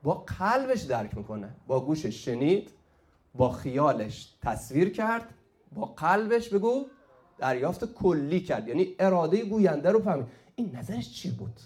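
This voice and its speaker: Guy teaching a class, pitch jumps all over, keeps asking students to answer, classroom. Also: sing-song, darkish tone. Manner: prompts the class with "say it" and quizzes them. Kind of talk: classroom lecture at a whiteboard.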